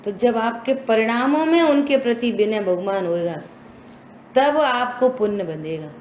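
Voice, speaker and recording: A female religious instructor leads a scripture lesson with slow, emphatic delivery and rhetorical questions for her listeners. Her voice is on the high side, animated and darkish in tone; the echoey recording has faint ambience and a little hiss or hum.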